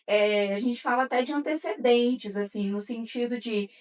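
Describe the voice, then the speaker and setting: A woman's voice: fairly high pitch, normal speed, far from the mic. A woman psychologist with a Brazilian Portuguese accent, explaining patiently with everyday examples and many fillers. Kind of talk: explanatory podcast talk.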